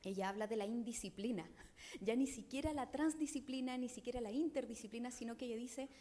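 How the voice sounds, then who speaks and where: A woman's voice: fairly high pitch, a little fast, mellow. A woman from Chile with a Chilean accent, speaking as a discussant on an academic panel, thoughtful and digressive, often adding tag questions.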